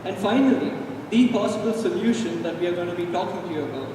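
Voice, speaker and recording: A man's voice: sits high, animated, fast talker, noisy background. A young man from India, speaking as a student presenter and earnestly explaining his team's ideas. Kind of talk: school team presentation. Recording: echoey hall, voice from far off.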